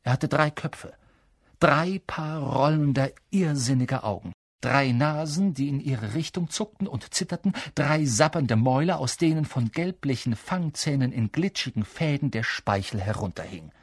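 A man's voice: medium pitch, animated, normal speed, slightly rough, dry recording, studio quality. A man reading a storybook aloud with dramatic, vivid narration. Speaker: audiobook narrator. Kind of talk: scripted narration.

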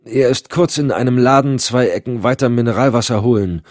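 A man's voice: mid-range voice, a little fast, darkish tone, dry recording, studio quality, voice pushed up, lightly acted. A man voicing a nervous young male junior agent who stammers anxiously.

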